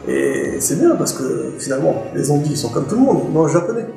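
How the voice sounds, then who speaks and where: In an echoey room with faint music behind him, a library's manga specialist gives a joking, chatty book review to camera and keeps restarting sentences. His voice is a little high, gravelly, and warm, with big pitch swings and a brisk pace.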